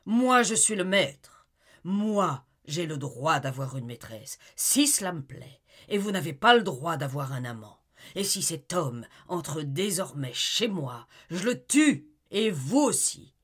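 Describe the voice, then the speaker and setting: A tyrannical husband, icily courteous one moment and shouting in fury the next, as a woman reader puts him on. The voice is husky and slow, with big leaps in pitch. It is read aloud for an audiobook. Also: lively intonation. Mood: raging. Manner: mock-polite turning to shouted rage. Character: despotic, furious middle-aged husband. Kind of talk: audiobook reading.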